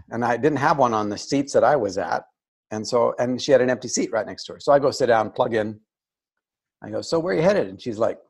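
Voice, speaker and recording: His voice is medium-pitched, gravelly and husky. He's an older man, an interview guest on a video call, recounting a story in a relaxed way and animatedly acting out the voices of those he quotes.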